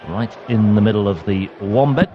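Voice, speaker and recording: A man's voice: lowish voice, normal speed, phone-quality sound, background noise. A man giving live darts commentary as a co-commentator.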